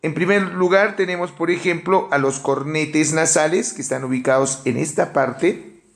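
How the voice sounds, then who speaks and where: A man with a Peruvian Spanish accent giving a measured academic lecture, working through a numbered list of points. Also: a little high, creaky. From Peru. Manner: measured explanatory delivery with enumerations and fillers. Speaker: teacher.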